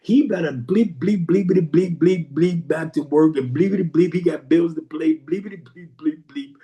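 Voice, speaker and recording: A man's voice: a little high, moderate pace, warm tone, natural voice. A man doing an irate mother ranting with bleeps. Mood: scolding. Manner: ranting, swapping curses for bleeps. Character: irate middle-aged mother scolding her son.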